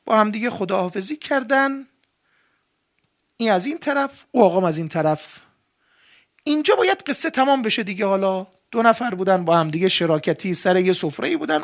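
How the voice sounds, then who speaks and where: Gravelly-voiced male preacher telling a story. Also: high voice. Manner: animated storyteller, voicing characters in dialogue. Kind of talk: sermon storytelling.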